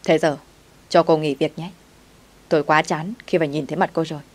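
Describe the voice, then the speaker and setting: A woman's voice: low-pitched, steady tone, fairly quick. Woman doing a scolding restaurant boss man. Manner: barking, scolding. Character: angry middle-aged male restaurant owner.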